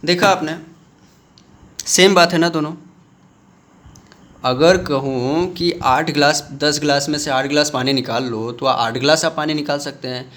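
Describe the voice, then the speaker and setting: A man gives a commerce lesson in a video lecture, explaining through everyday examples in a fairly bright tone. He calls his viewers friends and acts out student questions in a lower voice.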